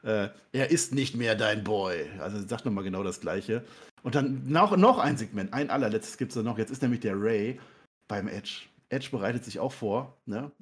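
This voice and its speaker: A man co-hosting a casual wrestling recap, animated and jumping into high mocking voices when quoting people. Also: moderate pace, husky. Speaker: podcast co-host.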